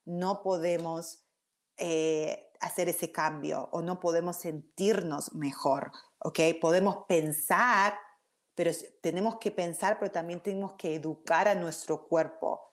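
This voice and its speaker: A woman giving a lively explanatory talk, tagging her sentences with "ok?". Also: on the low side, measured pace. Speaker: speaker teaching about emotions.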